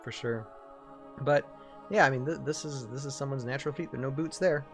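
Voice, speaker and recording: A man's voice: medium pitch, fairly quick, faint music behind. A man hosting a casual live-stream chat, chatty and leading the segments. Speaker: podcast host.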